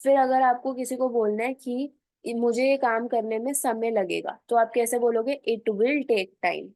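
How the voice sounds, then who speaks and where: A woman teaching a spoken English lesson, mixing colloquial Hindi explanations with slow, deliberate English example phrases. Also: on the high side, steady tone, warm tone, no echo.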